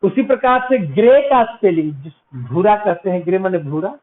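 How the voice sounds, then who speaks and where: A man lectures in a high, sing-song voice that swoops up and down. He repeats each English phrase slowly and spells words out letter by letter. The sound is thin and tinny, as if it came over a phone. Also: expressive. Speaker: English teacher. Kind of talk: classroom lecture.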